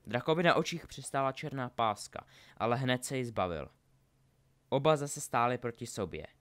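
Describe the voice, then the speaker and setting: A man narrating a fantasy story as an audiobook. His reading moves with a wide, lively melody across each sentence. The pitch sits in a middle register.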